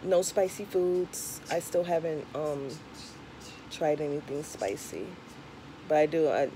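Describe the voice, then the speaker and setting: A woman's voice: deep voice, slow pace, warm tone, low-quality recording. A young woman with a slight lisp from a tongue piercing, chatting frankly and casually as she gives advice to camera. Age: young adult. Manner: frank, conversational advice-giving. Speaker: vlogger. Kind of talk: casual vlog chat. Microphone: camera or phone at arm's length. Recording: clear background noise, home camera recording.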